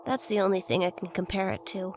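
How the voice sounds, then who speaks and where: A woman's voice: mid-range voice, flat delivery, quick pace. A woman reading a scripted first-person horror story as its narrator. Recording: faint noise and ambience behind voice.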